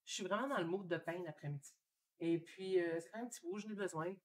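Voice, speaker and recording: A painter with a Québécois French accent hosts a live stream from her home studio, chatting casually and thinking aloud as she paints. Her voice is on the low side and fast, relaxed and full of fillers, with a little hiss or hum in the recording.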